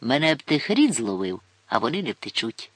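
A man voicing a gruff, mocking older forester who looks down on city folk. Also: mid-range voice, sing-song, moderate pace, no echo. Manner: grumbling, scornful, folksy.

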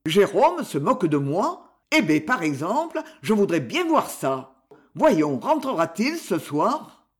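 A male reader voicing an agitated older uncle who blusters and coaxes, in an animated way. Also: sits high, takes it slowly, heavily acted. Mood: blustering.

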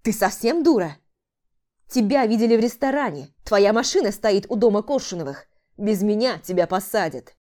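A woman's voice: mid-range voice, expressive, normal speed, warm tone, close to an everyday voice. Woman voicing a brutal, barking male killer. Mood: angry. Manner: harsh, barking insults. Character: brutal male killer, sister's brother, furious. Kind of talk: audiobook character voice.

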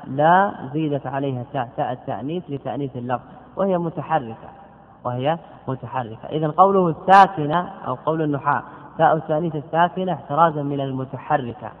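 A man teaching a classical grammar lesson in a slightly high voice, repeating key terms as he asks and answers his own questions. The recording is thin and lo-fi, with a long reverb trailing each phrase as if from a big hall.

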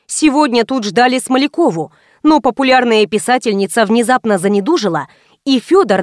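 A woman's voice: on the high side, dry recording. Woman reading a wry story, dry and close. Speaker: audiobook reader. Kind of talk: first-person audiobook narration.

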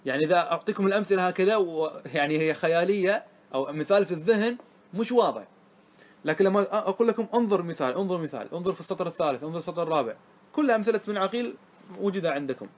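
Man, grammar teacher, classroom lesson, fairly high voice, asks checking questions, repeats words. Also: expressive, racing. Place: classroom with students.

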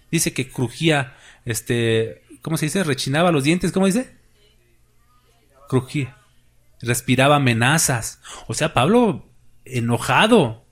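A man preaching a sermon as pastor, with emphatic rises and drops, asking the congregation questions. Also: mid-range voice.

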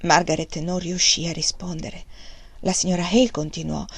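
A woman reading a classic novel aloud as an audiobook narrator, calm and measured. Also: lowish voice, vocal fry, breathy edge, dry recording. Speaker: audiobook reader.

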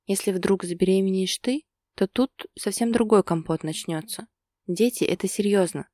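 A woman voicing a calm, teasing man who soothes his partner in a gentle, soothing way. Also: medium pitch, moderate pace, no room sound, studio quality, natural voice.

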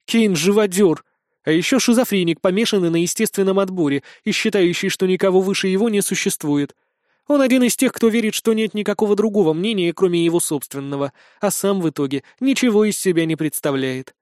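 A hot-tempered young woman wielding godlike power, all sharp and heated edges, as a man reads her aloud. The voice sits high and the sound is close and dry. It has the feel of a storybook read aloud. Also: brisk, no echo, lightly acted. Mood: scornful.

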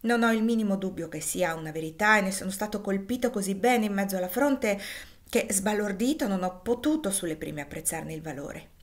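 A woman reading aloud and voicing an easygoing, witty gentleman with a drawling, teasing manner. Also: medium pitch, a little fast, lightly acted. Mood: wry.

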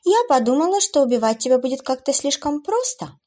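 A cruel, playful female demoness from a storybook, her voice pitched up and louder as she mocks and gloats. Her tone is sing-song and taunting, with a woman narrator putting it on. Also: very animated, a little fast. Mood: gloating.

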